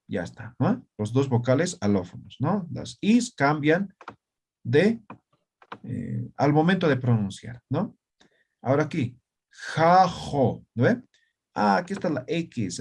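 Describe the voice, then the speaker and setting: A man with a husky voice teaches a video-call class. His pitch rises and falls a lot as he talks students through each example, patiently and step by step, with constant tag questions to check they follow. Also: darkish tone. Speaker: Aymara language teacher. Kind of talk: online class explaining writing.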